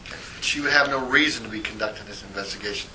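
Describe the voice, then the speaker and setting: Give me a male interrogator on an old recorded interview tape, faint hiss. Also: fairly low pitch. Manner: measured, procedural, reads out formal statements. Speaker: internal affairs sergeant. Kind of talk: formal sworn-statement questioning. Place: interview room.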